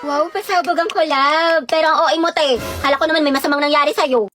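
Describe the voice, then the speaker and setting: High-voiced woman doing comic school skits. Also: fairly even intonation, quick pace. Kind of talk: comedic skits playing many classmates. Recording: background music.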